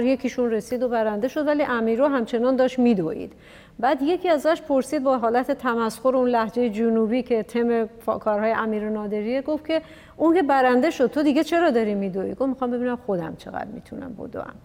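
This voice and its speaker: Woman chatting thoughtfully, slightly high voice, long echoey reverb around her. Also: a little mellow. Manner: thoughtful, storytelling. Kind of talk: reflective discussion.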